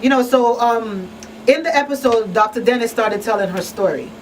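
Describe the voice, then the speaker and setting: A woman who is a talk show host and crisis counselor runs a radio talk show, speaking conversationally and emphatically and repeating phrases to drive points home. Her voice is a little high at a moderate pace, and the radio studio is noisy with a slightly distant mic.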